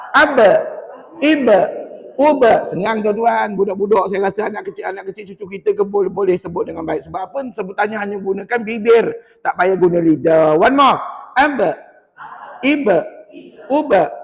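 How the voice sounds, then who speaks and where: High-voiced male teacher in a reverberant mosque. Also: creaky. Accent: Malaysian Malay. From Malaysia. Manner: coaching, quizzing the class and modelling sounds. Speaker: Quran recitation teacher. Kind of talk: classroom recitation lesson. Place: mosque hall.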